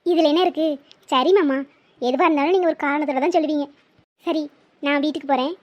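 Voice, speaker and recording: A woman voicing a sweet, devoted young village woman in a cartoon, in a high, soft, girlish voice. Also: fairly even intonation, fast, lightly acted. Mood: trusting. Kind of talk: cartoon voice acting. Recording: slightly muffled lo-fi audio.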